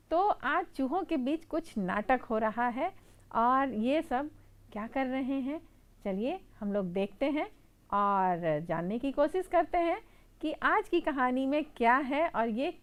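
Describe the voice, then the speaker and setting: Slow, lively woman teacher telling a story. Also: on the high side. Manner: slow, expressive, talks to the children directly. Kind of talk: storytelling lesson for children.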